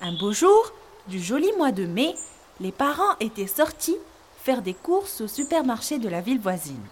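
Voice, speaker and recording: Expressive woman telling a children's story. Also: on the high side, normal speed, a little hiss or hum. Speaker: narrator. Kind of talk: scripted storybook narration for learners.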